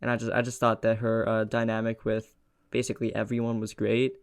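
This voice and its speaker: A man's voice: fairly low pitch, brisk, dry recording. Man giving opinions on a dry podcast. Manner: relaxed, opinionated, some hesitations. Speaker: podcast co-host. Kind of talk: casual movie review chat.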